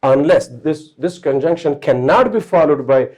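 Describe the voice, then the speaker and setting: A man teaches English grammar to a room of students in a somewhat high voice. He works through each rule step by step. He keeps stopping to ask whether they have got it. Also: expressive, moderate pace, darkish tone. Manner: explains step by step, often checks understanding. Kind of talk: classroom grammar lesson.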